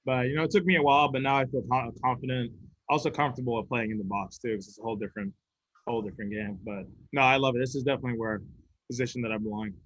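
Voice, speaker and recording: Fielding questions from the press, a young man from Sweden who plays college football keeps things relaxed with frequent laughs and fillers. He talks rapid-fire in a medium-pitched, fairly bright voice on a lo-fi recording.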